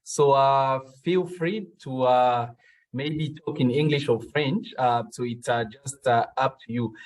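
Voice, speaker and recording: A man from the Democratic Republic of Congo moderating an online panel, speaking slowly with frequent fillers. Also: medium pitch, low-quality recording.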